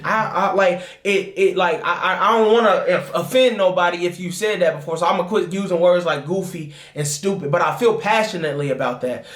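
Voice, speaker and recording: The host's husband, a twenty-something guest from Dayton, Ohio, USA, chats casually and passionately, frequently tossing in "you know what I'm saying." His voice is high and a bit bright, recorded with a roomy sound.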